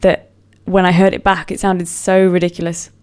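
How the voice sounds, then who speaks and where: A woman's voice: lowish voice, level tone, moderate pace, a little mellow, clear, resonant tone. British lady vlogging, neutral accent, rambly and jokey about herself, lots of ums. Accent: neutral British English. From England. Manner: rambling, self-mocking, trails off with fillers. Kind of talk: casual chat to camera.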